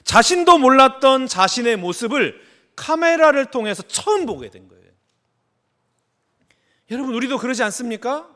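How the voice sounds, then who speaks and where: A middle-aged man, a senior pastor, preaching a sermon in an animated way and acting out the voices of the people he quotes. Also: very high-pitched, normal speed, pauses often.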